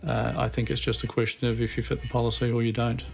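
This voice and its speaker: A man lawyer answers interview questions plainly and matter-of-factly. His voice is flat and gravelly, and faint music plays underneath. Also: medium pitch, quick pace.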